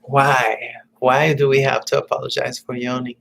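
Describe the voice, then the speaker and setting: A man in a casual, rambling vlog monologue, halting and meandering with many restarts, sometimes dropping to a muttered whisper. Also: mid-range voice, little pitch movement, vocal fry, a bit bright, poor audio. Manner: drops to muttered, whispered asides. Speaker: vlogger.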